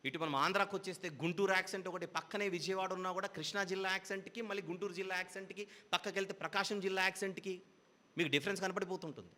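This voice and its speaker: A man's voice: high voice, fairly even intonation, racing, pushed and bright. Guy preaching a bible lesson, spells things out over and over, echoey hall sound. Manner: explains patiently with repeated parallel phrases. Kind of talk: Bible teaching sermon.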